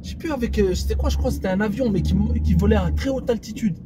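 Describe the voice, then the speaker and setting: A man's voice: quick pace, over loud music. A man chatting casually in French suburban street slang, peppered with Arabic religious interjections. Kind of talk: casual chat. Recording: noisy recording with vehicle rumble behind.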